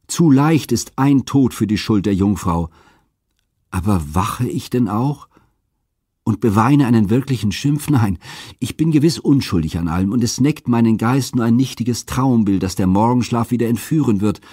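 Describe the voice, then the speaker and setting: A man reading aloud and voicing a despairing young princess with a high, strained, impassioned lament. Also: expressive, normal speed, mellow, breathy edge, no echo, studio quality. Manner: impassioned, declamatory.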